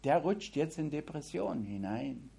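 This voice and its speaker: A man's voice: fairly high pitch, very animated, moderate pace, creaky, dark tone, husky. A man giving a Bible study sermon, reading scripture aloud and then commenting on it in a conversational way. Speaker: preacher.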